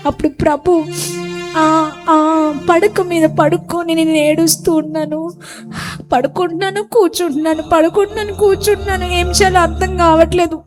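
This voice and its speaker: A woman shares her testimony in a church setting, her voice sitting very high. She speaks earnestly and circles back over the same phrases for emphasis. Worship music plays clearly beneath her words. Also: steady tone, normal speed. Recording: clear background music under the voice.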